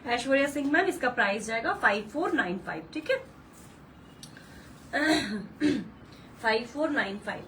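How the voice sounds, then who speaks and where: A woman's voice: a little high, lively intonation, normal speed, pauses often, fairly bright tone, far from the mic, a little hiss or hum, low-quality recording. A woman hosting a live saree sale, gushing and repeating color names, mixing English words into Hindi. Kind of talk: live-stream sales pitch.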